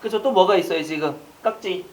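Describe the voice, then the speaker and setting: A man teaching an online exam-prep lecture, quizzing listeners with rapid rhetorical questions and casual joking asides. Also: sits high, a little hiss or hum.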